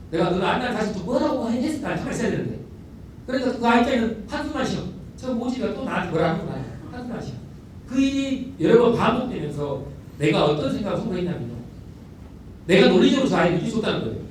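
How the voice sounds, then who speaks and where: A middle-aged man tells stories from school life, high-pitched and lively, his voice rising and falling widely as he talks quickly. He repeats words for emphasis. The sound is echoey and comes from a distant mic in a large hall, with a faint hum behind. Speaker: elementary school principal giving a talk. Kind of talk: storytelling lecture.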